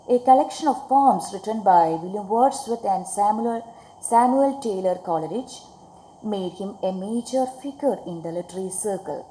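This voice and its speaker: A woman's voice: mid-range voice, dark tone. A woman with a Malayali Indian accent teaching a poetry lesson to schoolchildren, repeating phrases and asking check questions in a didactic way. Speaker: English teacher. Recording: echoey room, faint background noise.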